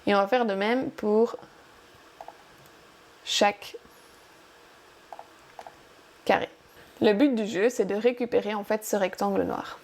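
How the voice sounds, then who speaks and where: A woman's voice: medium pitch, steady tone, slow pace, long pauses, a little mellow. A woman hosting a casual crafting tutorial, chatty and upbeat as she guides viewers step by step. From France.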